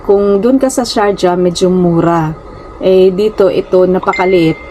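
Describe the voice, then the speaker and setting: Isang babaeng vlogger na lumaki sa Pilipinas at may puntong Pilipino, kaswal na nakikipagkuwentuhan sa mga manonood sa kanyang maliit na kuwarto, at paminsan-minsang nabubulol. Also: female voice, lowish voice, unhurried, dark tone, slight background noise, low-quality recording. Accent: Filipino. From Philippines. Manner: chatty, often addresses viewers as guys, stumbles over words. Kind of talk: casual chat to viewers. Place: small rented room at home.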